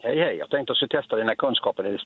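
A man calling in to a radio show, speaking in a friendly, unhurried way. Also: medium pitch, expressive, a little hiss or hum. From Gothenburg, Sweden. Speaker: caller. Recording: phone line.

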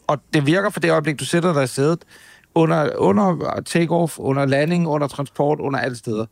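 Chatty joking Danish co-host, dry sound. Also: male voice, a little high, vocal fry, no echo. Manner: chatty, joking, rambling with restarts. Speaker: podcast co-host. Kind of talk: casual chat.

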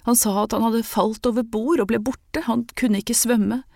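A woman's voice: fairly high pitch, steady tone, creaky, dark tone, no echo, pitched above the performer's own voice. Woman doing a crying young woman, heartbroken, dry close sound. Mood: grief-stricken. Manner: sobbing, anguished. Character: grieving young woman whose sweetheart drowned.

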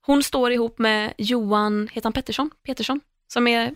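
A young woman chatting casually on a podcast, telling an animated story full of fillers and restarts. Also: on the high side, dry recording, clean studio sound. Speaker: podcast host.

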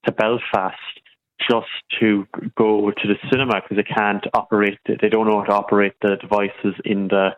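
Hesitant Kerry man, low voice, dull line. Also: level tone, normal speed. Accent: Kerry, west of Ireland. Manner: hesitant, stumbling with repeated words. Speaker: radio phone-in caller. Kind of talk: opinionated phone-in talk.

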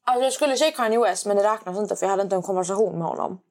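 A woman from Malmö, a guest friend on a podcast, chatting casually and telling stories with animated quoted voices. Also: mid-range voice. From Sweden, Malmö. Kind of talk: casual chat.

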